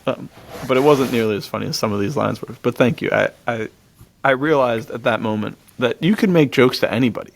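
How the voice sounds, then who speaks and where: Speaking fairly quickly in a mid-range voice with vocal fry, an American podcaster talks about films and tells anecdotes. He's relaxed and slangy, leans on "dude," and chuckles frequently.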